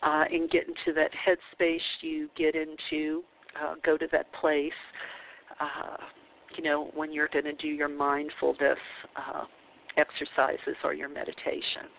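A man hosting informally, introducing a recording in a halting, hesitant manner. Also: a little high, vocal fry. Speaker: host introducing a recorded meditation. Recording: tinny phone-like line, faint noise.

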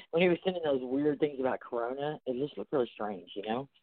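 A podcast host with a medium-pitched, animated voice talks fairly quickly in loose, rambling chat, keeping it informal and often checking in with listeners. He tends to tag sentences with "you know," and his makeshift setup gives a thin, phone-like sound.

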